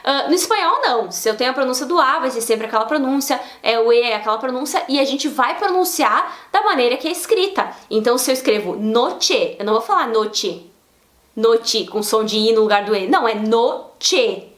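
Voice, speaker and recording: A woman, explaining pronunciation in a lively, casual video lesson and demonstrating sounds as she goes. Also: high-pitched, fast, hardly any pauses, reverberant. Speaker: Spanish teacher.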